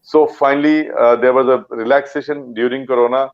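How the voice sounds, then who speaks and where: Talking a little fast in a steady, medium-pitched voice, an actor from Punjab rambles through a casual interview as a guest, with fillers and restarts. He has an Indian English accent, and the audio is dull.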